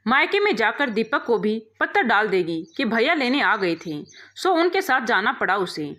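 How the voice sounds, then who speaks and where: A woman's voice: on the high side, normal speed. A woman reading a moral story aloud as narrator, voicing every character in turn. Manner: reads every character herself, expressive.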